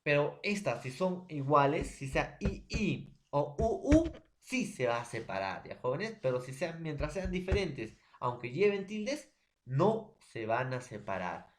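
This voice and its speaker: A Peruvian man with a Peruvian Spanish accent teaching a recorded school lesson, explaining slowly with a homely story and often checking in with his students. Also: on the high side, sing-song.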